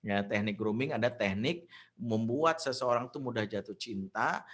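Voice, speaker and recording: A man preaching to parents in an animated storytelling style, acting out the voices of the people in his stories. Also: moderate pace. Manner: animated storytelling, acts out quoted voices with big pitch jumps. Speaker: Islamic preacher. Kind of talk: parenting sermon with acted anecdotes.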